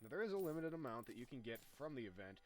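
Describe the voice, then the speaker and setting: A young man talks through his gameplay in a loose, rambling way, tossing in jokes and trailing off mid-thought. His voice sits at an ordinary pitch for a man. A steady hiss runs under the whole recording. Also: very fast. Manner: rambling, jokey, excitable at big hits. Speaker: gaming YouTuber. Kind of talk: casual gameplay commentary.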